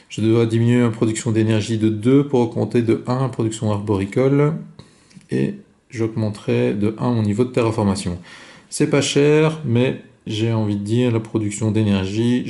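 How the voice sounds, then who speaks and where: A man calmly talking through his own board game turn, explaining each card and move step by step. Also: fairly low pitch, moderate pace. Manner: calm, methodical, explains each move aloud. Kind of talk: solo board game playthrough commentary.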